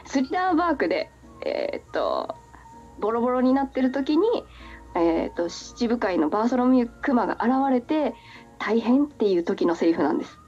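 A woman's voice: fairly high pitch, sing-song, normal speed, a little mellow, lo-fi sound, faint music behind. A woman hosting a casual chat. She giggles a lot and teases her guest playfully. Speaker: podcast host.

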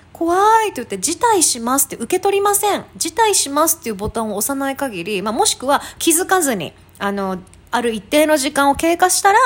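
A woman in her thirties, hosting a casual talk show and telling a funny story with many fillers and laughs. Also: on the high side. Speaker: podcast host. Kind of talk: casual chat.

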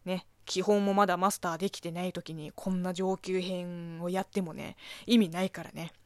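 A woman's voice: lowish voice, level tone, normal speed, no echo. A woman from southern China, a native Chinese speaker with a Chinese accent, hosting a casual radio show where she reads listener letters and answers them offhand. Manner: chatty, reads letters then comments offhand.

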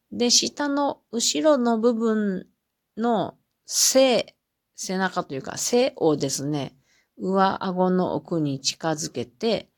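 A woman teaching French on a solo podcast, explaining patiently with many fillers and reading example phrases slowly twice. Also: lowish voice, vocal fry. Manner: reads French phrases slowly, then repeats them.

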